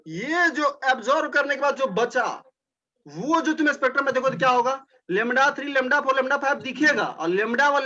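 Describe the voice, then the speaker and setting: A man's voice: very high voice, bright, forceful tone, dull audio. A male teacher giving a classroom lecture, explaining step by step, repeating points and speaking directly to his students.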